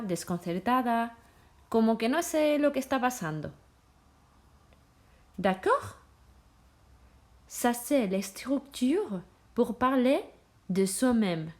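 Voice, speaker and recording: A woman teaches a French lesson, moving between French and as she explains. Her voice sits a little high and swings lively up and down. She speaks slowly and deliberately so learners can repeat after her. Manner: switches between French and Spanish, models pronunciation slowly. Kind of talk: slow, clear classroom lesson.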